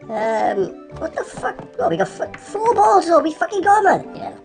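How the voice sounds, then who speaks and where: A man's voice: very high-pitched, big pitch swings, unhurried, creaky, over music, exaggerated voice. A man with a Welsh accent voicing a grumbling, sarcastic, foul-mouthed cartoon handyman in a comedy voice-over. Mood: exasperated. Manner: sweary, complaining, colloquial.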